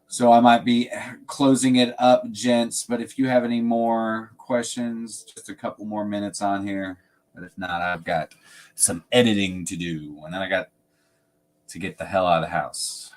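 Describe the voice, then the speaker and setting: A man chats loosely with his viewers during a live stream, drifting between thoughts and laughing often. His voice sits a little low. He sounds like he is at a desk mic at home. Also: a little mellow. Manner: laid-back, rambling, laughs often. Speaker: fragrance channel host. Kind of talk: casual livestream chat.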